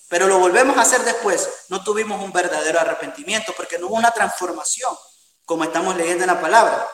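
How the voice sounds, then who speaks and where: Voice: mid-range voice, a bit bright, recorded from a distance. A preacher delivering an earnest sermon to a congregation he calls beloved brothers and friends. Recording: roomy hall, voice from afar.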